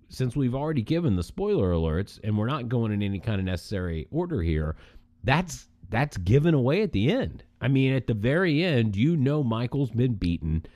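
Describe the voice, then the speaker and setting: A man's voice: mid-range voice, a little mellow, no echo. A man co-hosting a podcast, chatting casually and telling things with emphasis. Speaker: podcast co-host. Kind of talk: casual chat.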